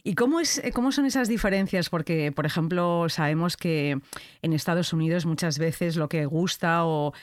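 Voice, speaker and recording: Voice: medium pitch, normal speed, smooth, no room sound, clean studio sound. An interviewer asking casual, conversational questions, often ending with a questioning tag.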